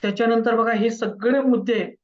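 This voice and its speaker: A man's voice: extremely high pitch, fairly even intonation, moderate pace, lo-fi sound. A man teaching public speaking in a lecture, repeating words for emphasis. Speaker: instructor.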